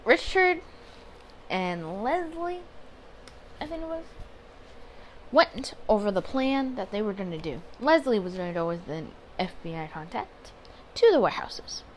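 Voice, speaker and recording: A gaming-channel host plays through a visual novel in a casual let's play, reading its text aloud. Her fairly high voice comes through a rough home recording with background noise, and she rambles, interrupts herself to correct things, and apologizes.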